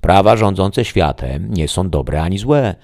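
A man voicing a calm, all-knowing disembodied voice in an audiobook fairy tale, speaking slowly and solemnly, husky with vocal fry. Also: low-pitched, pitched above the performer's own voice.

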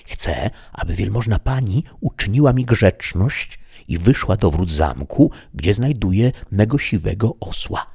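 A man's voice: on the low side, expressive, measured pace, gravelly, darkish tone, husky, voice pushed up, exaggerated voice. A man doing a folksy, pleading peasant squire. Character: simple, stubborn peasant squire.

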